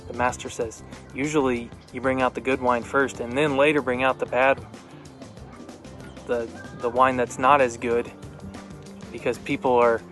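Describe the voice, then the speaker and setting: A man's voice: medium pitch, fairly bright tone. A man speaking in a plain, conversational and reflective way as he hosts a casual Bible devotional vlog outdoors. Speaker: host of a Bible devotional video. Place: outdoors in a backyard.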